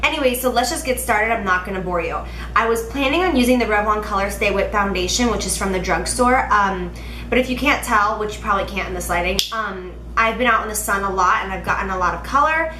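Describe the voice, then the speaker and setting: A woman talks viewers through a routine in a casual, chatty way. Her voice is bright and noticeably nasal, as if congested. She is emphatic and direct. The room adds a clear echo, with faint noise behind her. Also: mid-range voice, quick pace. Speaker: makeup tutorial host. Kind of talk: casual tutorial chat to camera.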